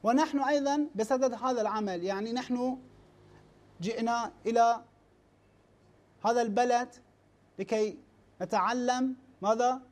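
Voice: medium pitch, darkish tone. A teacher giving a classroom lecture, often stopping to ask the class questions and restarting words as he or she lists terms. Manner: asks rhetorical questions and checks in with "ha?"; halting, restarts words, spells out lists slowly.

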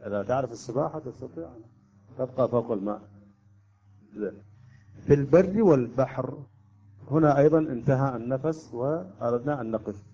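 A man's voice: medium pitch, dark tone. Man teaching tajweed. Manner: explains slowly, chants examples in drawn-out recitation; asks students questions. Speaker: Quran recitation teacher. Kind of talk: tajweed lesson. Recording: dull lo-fi recording.

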